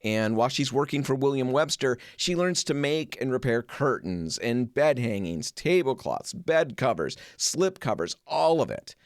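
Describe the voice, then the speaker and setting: A middle-aged man hosting a home improvement show, spinning a story in a chatty, animated way with plenty of asides. His mid-pitched voice swings freely up and down as he talks. The sound is close and dry, with no room around it. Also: normal speed, few pauses, no echo. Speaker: host.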